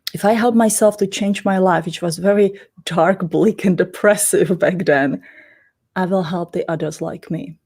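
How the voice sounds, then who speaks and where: With a lowish, creaky and warm voice, a middle-aged woman from the Czech Republic talks as a guest in an interview. She's an energy healer and native Czech speaker with a Czech accent, and her explanations are casual and rambling.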